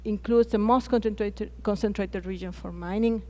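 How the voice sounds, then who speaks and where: This Chilean panelist, a native Spanish speaker, talks at normal speed in a conference plenary hall, her mid-range voice dark in tone and fairly even. She hesitates frequently and restarts words.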